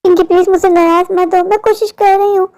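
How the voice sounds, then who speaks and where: A very high-pitched struggling poor sister. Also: female voice, flat delivery, fast talker, darkish tone. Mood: despairing. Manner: pleading, worn-down and sorrowful. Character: poor young woman, worried older sister. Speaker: cartoon character. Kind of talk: Hindi cartoon voice acting.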